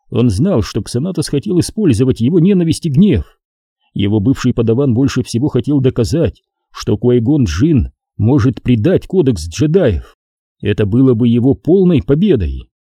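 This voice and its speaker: Husky, dark-voiced male narrator. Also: medium pitch, normal speed, no room sound, studio quality. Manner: steady, expressive storytelling. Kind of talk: audiobook narration.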